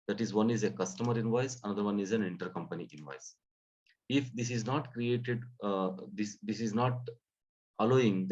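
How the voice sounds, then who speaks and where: In a live software training session, a man with a voice on the low side explains things step by step, haltingly, often repeating and rephrasing himself. The lo-fi audio sounds dull and muffled.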